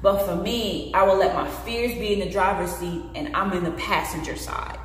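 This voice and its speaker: A woman in her late twenties speaks openly and earnestly in a personal vlog, her hands moving as she talks. Her voice sits at an ordinary middle pitch. It rings around a bare, very echoey room with a long reverb tail, picked up by the camera's own mic. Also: moderate pace, a little hiss or hum. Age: late 20s. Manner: earnest, expressive, gestures with hands while talking. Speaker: vlogger. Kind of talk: candid personal vlog talk.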